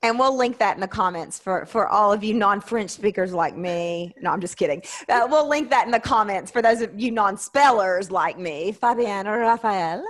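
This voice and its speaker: A woman hosting a casual interview, effusive in her talk and quick to joke about herself. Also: medium pitch. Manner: effusive, self-joking. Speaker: show host.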